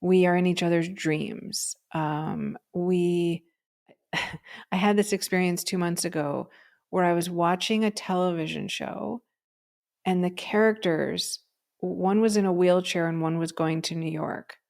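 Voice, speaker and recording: A woman co-hosting a podcast tells a personal story in a chatty, casual way, sprinkling in "um" and often ending sentences with "right?". Her voice is on the low side, gravelly and darkish. She keeps a steady tone and a measured pace.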